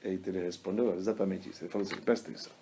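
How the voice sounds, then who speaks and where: A man, a rabbi giving a casual religious lesson and telling stories in an animated, colloquial way. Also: low-pitched, racing, background noise. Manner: animated, colloquial storyteller, acting out quotes. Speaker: rabbi teaching a class.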